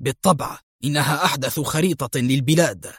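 A man's voice: a little high, fairly quick, a bit bright, breathy edge, no echo, studio quality. A man voicing a nervous, frightened male companion in an audio story, asking worried questions. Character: anxious frightened middle-aged male companion.

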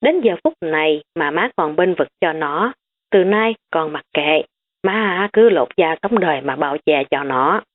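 A woman's voice: deep voice, expressive, measured pace, slight background noise. A woman voicing a strict, worn-out middle-aged mother who snaps at her son. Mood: angry. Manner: sharp then tired. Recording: tinny phone-like recording.

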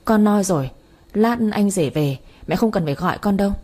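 A woman's voice: mid-range voice, expressive, fairly quick, mellow, natural voice. A woman voicing a blunt young woman who argues sharply and impatiently. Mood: snappish.

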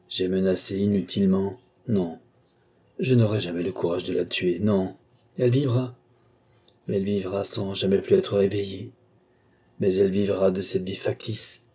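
A man's voice: low voice, dark tone, breathy edge. A man reading an audiobook, voicing a tormented male sorcerer torn between love and ambition, declaiming in passionate murmurs and outbursts. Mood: anguished.

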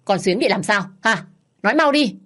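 A woman's voice: deep voice, normal speed. A woman voicing a stern older landowner father who barks orders. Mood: angry. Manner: gruff, commanding.

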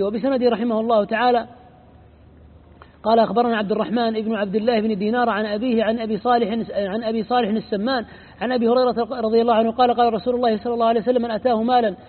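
Fast high-voiced man reading aloud. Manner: reads quickly, stumbling and repeating words. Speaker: student reading the text aloud. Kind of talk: fast recitation of a classical commentary. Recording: tinny phone-like lo-fi audio.

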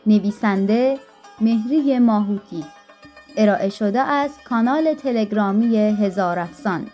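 A woman narrating a folktale audiobook in a gentle, rhythmic storytelling manner, recorded on a studio mic. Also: mid-range voice, faint music behind.

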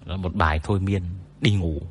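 A man with a deep, low voice talks casually to his livestream audience. He reads viewer comments aloud and jokes about himself. A faint hum sits under the recording. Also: steady tone, brisk. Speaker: livestream story narrator.

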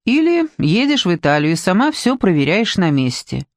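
A reader voices a blunt, breezy woman friend in an audiobook, brisk and teasing. The voice sits at a middle pitch. It is recorded dry and close. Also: big pitch swings, no room sound. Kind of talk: audiobook reading.

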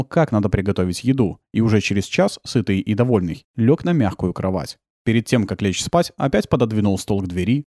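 Male audiobook narrator, mellow tone, animated delivery, dry booth sound. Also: lowish voice, no room sound. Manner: calm, even storytelling, brightening for dialogue.

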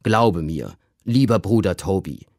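A man voicing an irritable, pompous older gentleman who blusters at his household in a literary reading. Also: low voice, expressive, a little slow, no room sound, clean studio sound, exaggerated voice. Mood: blustering. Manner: gruff and blustering.

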